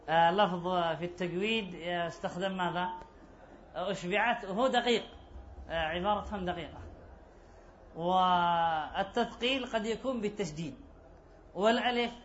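High-voiced man teaching grammar. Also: a bit bright, a little hiss or hum. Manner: repeats key phrases, asks the class rhetorical questions. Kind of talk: classroom lesson. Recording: dull lo-fi recording.

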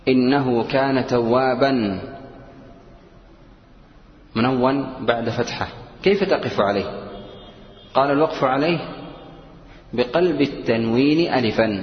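A man teaching a lesson in a slow, explanatory way, asking and answering his own questions and chanting the verses he uses as examples. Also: mid-range voice. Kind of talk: Quran recitation rules lesson. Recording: dull, roomy echo with long reverb.

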